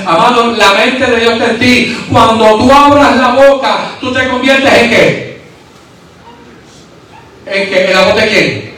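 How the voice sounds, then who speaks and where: A very high-pitched man preaches with fervor in short, repeated, exclamatory bursts. His voice comes from far off the microphone and echoes heavily around a large church. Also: pushed and bright. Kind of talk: sermon and prayer.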